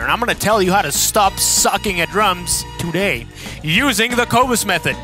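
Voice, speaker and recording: A man playing a pushy, hyperactive male infomercial pitchman with a thick American accent, shouting his sales pitch. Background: music.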